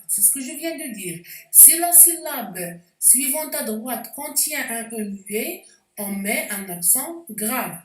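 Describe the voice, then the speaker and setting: A woman's voice: on the high side, echoey room, recorded from a distance, low-quality recording. A woman teacher giving a spelling lesson, explaining step by step with frequent hesitations. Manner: slow, deliberate explanations with hesitations.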